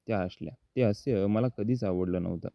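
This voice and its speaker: Low-voiced man narrating a story. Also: a little fast, no room sound. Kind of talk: first-person story narration. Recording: dull, lo-fi dry recording.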